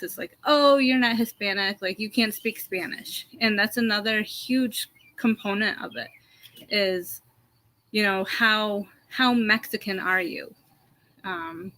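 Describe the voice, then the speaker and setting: A woman's voice: mid-range voice, bright, forceful tone. A young adult American woman telling a personal story in a reflective, hesitant way, with frequent ums and restarts. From United States. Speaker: panel speaker.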